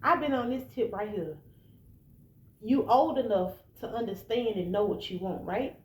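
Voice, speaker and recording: In an echoey room with faint background noise, an American woman around thirty-one offers blunt, casual, emphatic relationship advice directly to the listener. The informal monologue comes in a mid-range, slightly mellow voice at a moderate pace.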